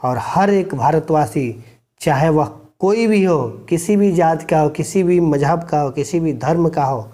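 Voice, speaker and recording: A man's mellow, soft-edged voice, sitting a little high for a man, explains a textbook chapter to his pupils. He speaks slowly and deliberately, reading each line and then spelling out what it means. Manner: reads a passage aloud, then explains it line by line, urging students. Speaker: school Hindi teacher.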